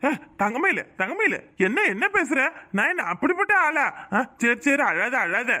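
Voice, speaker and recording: Woman voicing a calm placating cartoon husband. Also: sits high, moderate pace, full character voice. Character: calm husband trying to settle his wife. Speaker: cartoon character.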